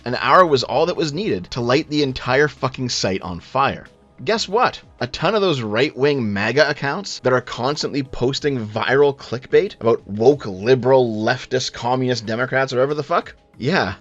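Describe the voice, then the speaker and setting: A man giving sarcastic, profane commentary, his voice muffled by low-sample-rate audio. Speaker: online commentator. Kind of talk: casual scripted commentary.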